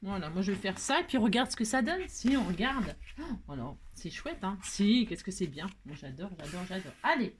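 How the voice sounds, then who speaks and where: A woman from France hosting a casual craft tutorial, talking in a playful, self-mocking way and tagging her sentences with a quick "hein". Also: mid-range voice, very animated, a little hiss or hum. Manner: cooing baby talk to her pet. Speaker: crafting video host.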